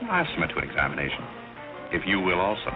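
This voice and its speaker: A deep-voiced gentleman butler in an old 1930s screwball comedy. He is formal, measured and wry, on a dull vintage film soundtrack with music playing strongly behind him. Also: wildly swooping pitch. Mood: dryly amused. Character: dry, dignified gentleman working as a butler. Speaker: actor in a film.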